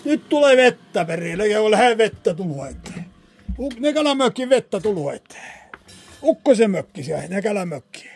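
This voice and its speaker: Husky high-pitched rambling man. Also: very animated, a little mellow. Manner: rambling, repetitive, swears often. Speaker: vlogger heating a sauna. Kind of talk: rambling casual monologue. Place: sauna.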